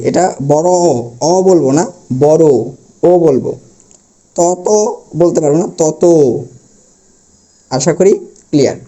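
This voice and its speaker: A man's voice: on the high side, mellow. A male teacher from Bangladesh giving a grammar lesson at a board, asking questions and answering them himself. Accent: Bangladeshi Bengali. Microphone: camera he adjusts himself.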